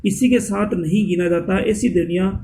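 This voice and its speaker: A man's voice: high-pitched, fairly even intonation, moderate pace, warm tone, a little hiss or hum, poor audio. A man giving a grammar lesson, reading out definitions and listing letters one at a time, sometimes correcting himself. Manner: reads definitions, then lists letters one by one, self-corrects. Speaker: Hindi grammar teacher. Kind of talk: classroom-style grammar lesson.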